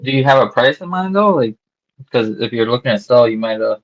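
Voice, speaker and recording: A man cold-calling a homeowner about buying her house, talking casually and haltingly with lots of fillers and restarts, heard over a phone line. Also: mid-range voice, lively intonation. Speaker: real estate wholesaler cold-calling a seller. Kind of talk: casual sales phone call. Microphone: phone call. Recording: dull lo-fi call recording.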